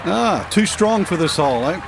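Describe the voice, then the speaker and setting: A man's voice: high voice, sing-song, normal speed, gravelly, over a noisy crowd, very noisy, heavily acted. A man as a conversational golf commentator, giving analysis in a video game. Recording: loud outdoor ambience behind.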